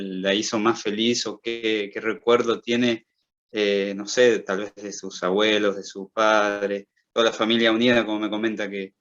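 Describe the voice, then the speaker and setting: Man, mid-pitched voice, halting interview question, muffled lo-fi sound. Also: fairly bright tone. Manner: hesitant, rambling question with fillers. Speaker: interviewer, illustrator. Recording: muffled lo-fi recording.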